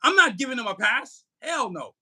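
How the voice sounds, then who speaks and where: This man's voice is very high and husky, swinging widely in pitch at a normal pace. Co-hosting a podcast, he rants furiously about politics, swearing, hammering his points, and occasionally yelling.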